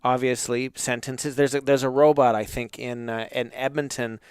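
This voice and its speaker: A man's voice: mid-range voice, level tone, normal speed, clean tone, no room sound, clean studio sound. A man hosting a podcast, speaking in a thoughtful, reflective way. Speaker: podcast host. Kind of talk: interview and scripted intro.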